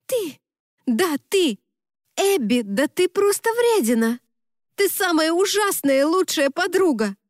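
A woman's voice: high-pitched, a little slow, a little mellow, no echo, clean studio sound, voice pushed up. A woman voicing an indignant young female best friend who shrieks her reproaches. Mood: outraged.

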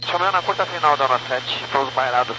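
A pilot's voice comes through the radio, full of loud hiss and noise. He is a man at a middle pitch, with short, clipped readbacks. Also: quick pace. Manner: terse clipped radio phrasing. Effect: pilot over the radio. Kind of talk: radio readbacks to air traffic control. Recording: loud noisy aircraft radio transmission.

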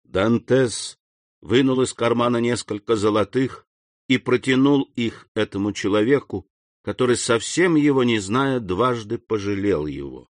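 A man reading a classic novel aloud as audiobook narration, slow and even. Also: mid-range voice, no room sound, clean studio sound. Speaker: audiobook reader. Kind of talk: scripted narration.

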